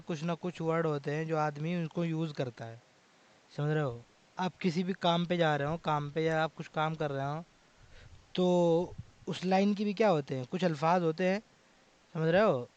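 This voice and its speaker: A man's voice: on the high side, a little mellow, clear, resonant tone. A man teaching basic Arabic grammar terms in an online class, often asking his students questions. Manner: drills with repeated questions to students. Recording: dull lo-fi call audio.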